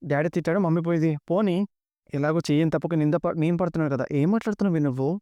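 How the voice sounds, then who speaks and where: A man voicing an indignant old grandmother who scolds sharply, read fast in a dry recording. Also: fairly high pitch, warm tone, no echo, natural voice.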